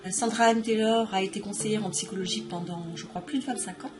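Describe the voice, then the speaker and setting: A woman's voice: medium pitch, steady tone, fast. A woman casually presenting and reviewing a deck of oracle cards in a vlog, chatty and explanatory, showing each item as she talks.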